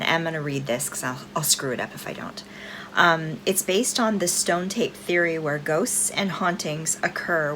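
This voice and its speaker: A woman hosting a film review vlog, chatting informally and enthusiastically to her viewers, with a fan running behind her. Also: sits low. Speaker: host of a horror film review channel. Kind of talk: casual chat to viewers. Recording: steady fan noise behind the voice.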